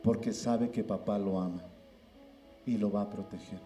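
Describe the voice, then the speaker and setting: A man's voice: lowish voice, fairly even intonation, moderate pace, warm tone, reverberant, faint music behind. A middle-aged man preaching a sermon as pastor, emphatic and often addressing listeners as brother. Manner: emphatic, repeats "hermano" often.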